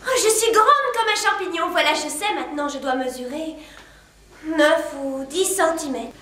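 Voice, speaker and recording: A woman's voice: sits high, normal speed, a bit bright. A woman playing a polite, confused little girl who keeps changing size, speaking formally. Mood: polite puzzled. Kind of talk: stage play acting. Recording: echoey hall, mic far off, faint noise.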